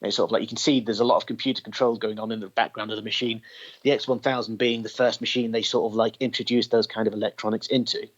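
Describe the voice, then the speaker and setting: The podcast guest, a man who collects tape machines, has a fairly low voice with little pitch movement and a quick pace. He explains technical matters at length in a relaxed interview conversation. The recording is dull and lo-fi.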